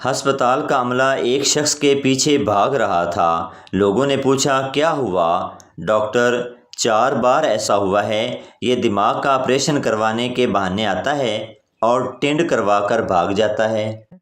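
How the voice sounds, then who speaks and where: Male joke narrator, slow plain delivery, roomy recording. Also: mid-range voice, a bit bright. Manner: plain storytelling delivery, voicing each character in the same voice. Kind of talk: reading jokes aloud. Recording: roomy echo.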